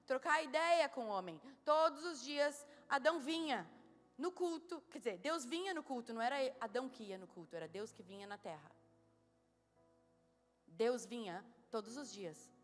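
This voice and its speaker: A woman with a Gaúcho Brazilian accent preaching a lively, humorous sermon at a conference, blunt and teasing as she tells stories. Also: on the high side. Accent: Gaúcho Brazilian Portuguese. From southern Brazil. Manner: blunt, teasing, animated storytelling. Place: church conference hall. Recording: reverberant hall with music behind.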